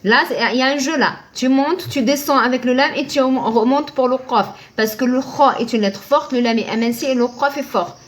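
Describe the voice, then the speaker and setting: A woman's voice: high-pitched, brisk, hardly any pauses. A woman teaching Arabic reading live online, patient, posing questions and answering them herself, thanking viewers by name.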